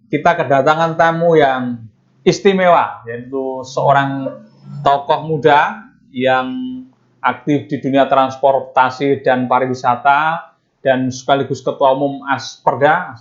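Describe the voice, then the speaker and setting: A man hosting a podcast, greeting viewers formally and asking polite questions. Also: mid-range voice. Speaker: podcast host. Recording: dull lo-fi audio.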